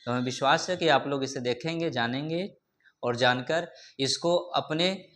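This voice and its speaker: A man teaching English vocabulary in a classroom lesson. He keeps asking his students questions, says "ठीक है" often, and repeats each word slowly. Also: medium pitch, fairly bright tone, slight background noise. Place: classroom with a board.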